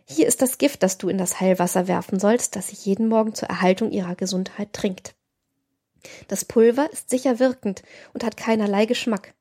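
A woman's voice: mid-range voice, moderate pace, warm tone, slightly rough. A woman voicing a cruel, scheming young nobleman in an audiobook, lofty and lecturing. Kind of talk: audiobook reading.

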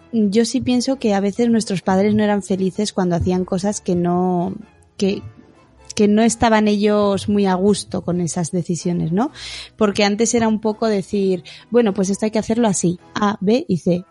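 A woman co-hosts a relaxed podcast. She speaks in a reflective, measured way and guides the talk back to the topic. Soft music sits in the background. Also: medium pitch. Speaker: podcast co-host. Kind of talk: casual podcast chat.

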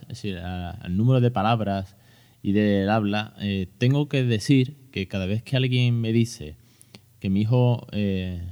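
A man's voice: lowish voice, dark tone. A man in his thirties with a Spain Spanish accent hosting a casual podcast, chatty and joking, with many fillers and restarts. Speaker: podcast host. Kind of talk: casual educational podcast talk.

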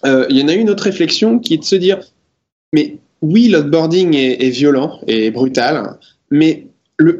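A man giving casual interview answers in halting, out-of-practice French, dropping in English terms. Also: fairly high pitch, a little mellow, dull audio. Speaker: interview guest, game developer.

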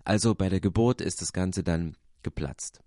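A man's voice: low voice, normal speed, mellow, dry recording, clean studio sound. A man hosting a devotional podcast, speaking earnestly and reflectively and reading aloud from the Bible. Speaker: podcast host.

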